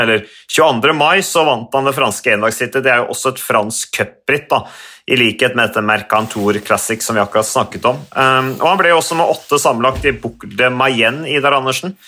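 Casting note: man, podcast host, hesitant chatty delivery, bright forceful voice. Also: mid-range voice. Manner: hesitant, many fillers and restarts, reads from notes. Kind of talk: casual cycling podcast chat.

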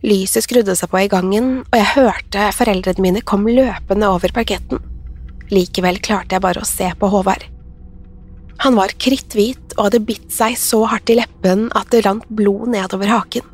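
A woman narrating a horror story in a measured, suspenseful way. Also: medium pitch, fairly even intonation.

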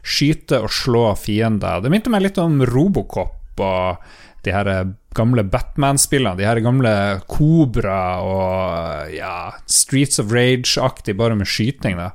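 Man from northern norway, gravelly voice, laid-back joking podcast guest. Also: lowish voice, animated. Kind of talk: casual chat.

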